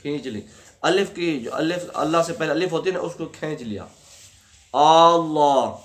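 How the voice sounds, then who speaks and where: A man teaching a religious lesson on prayer rules, often asking and answering his own questions and slowly drawing out words to show their pronunciation. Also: fairly high pitch.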